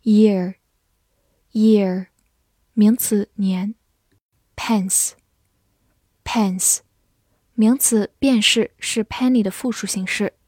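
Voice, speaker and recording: A woman teacher in a slow vocabulary drill. She says each English word twice, then reads out its meanings calmly. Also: mid-range voice, no echo, studio quality.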